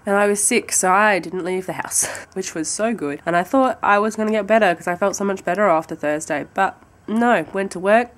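A young Australian woman in her twenties, husky from a cold, vlogs casually at home by a window with a handheld camera held close to her face. Her mid-range voice rambles through her plans, chatty and punctuated with light laughs.

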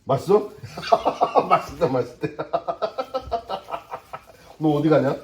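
A man's voice: a little high, animated, extremely slow, darkish tone, reverberant. A middle-aged man and father talking casually to himself while making kimchi at home, muttering and joking as he works. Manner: chatty, mutters and jokes to himself while working. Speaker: cooking vlogger. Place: home kitchen.

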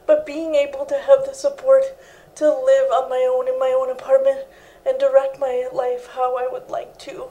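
A woman's voice: high-pitched, flat delivery, normal speed, warm tone, a little hiss or hum, low-quality recording. A young woman guest in an interview, talking earnestly and steadily about her own life in a living room set, on a lapel mic. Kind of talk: interview answers.

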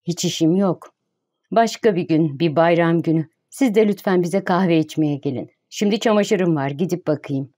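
A modest, caring landlady chats in a plain, homely way, as a woman narrator puts her on. Her voice is low and warm. It is an audiobook figure read close to the reader's own voice. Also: normal speed, natural voice.

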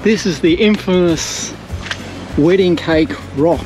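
A man's voice: high voice, slow pace, over music, poor audio. Chatty older Australian man hiking. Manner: chatty, rambling, self-mocking. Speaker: hiking vlogger. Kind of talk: casual walking commentary. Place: outdoors on coastal bush trail and beach. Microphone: action camera held at arm's length.

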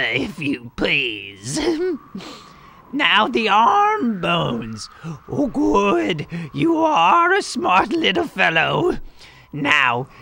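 A man voicing a cackling, hungry male skeleton in a storybook read-aloud, with drawn-out, old-fashioned speech. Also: high voice, vocal fry, bright, forceful tone, slight background noise, voice pushed up, heavily acted. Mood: coaxing.

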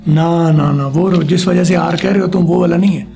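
A male teacher with a gravelly edge and a mellow, relaxed tone, running a spoken language lesson. He models each word slowly and patiently, then has his pupil say it back, with faint music underneath. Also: fairly high pitch. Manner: drills words slowly for a pupil to repeat. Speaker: English teacher.

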